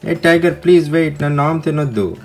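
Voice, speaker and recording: A woman's voice: low-pitched, fast talker, faint music behind. A woman voicing a caring mother cow in a children's story, in a soothing, slightly raised voice. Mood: pleading.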